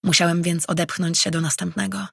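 A narrator voicing an earnest male mage who travels between worlds, read as an audiobook character in a measured way. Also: mid-range voice, little pitch movement, vocal fry, fairly bright tone, husky, dry recording, studio quality.

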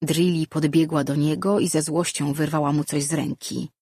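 A man narrating a fantasy audiobook in a calm, even storytelling manner, with a husky voice. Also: a little high, normal speed, no echo, clean studio sound.

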